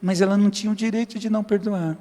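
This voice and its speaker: High-voiced pastor preaching in a reverberant hall. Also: male voice, steady tone, rapid-fire. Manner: preaching with dramatic swings between loud high emphasis and low quiet asides; acts out short prayers and dialogues in a familiar tone. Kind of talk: sermon. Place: church hall.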